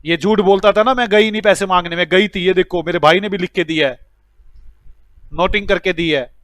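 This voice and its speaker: A man's voice: high-pitched, steady tone, brisk, a bit bright, no echo. A male teacher voicing a young woman in a classroom story, complaining plaintively about lost money.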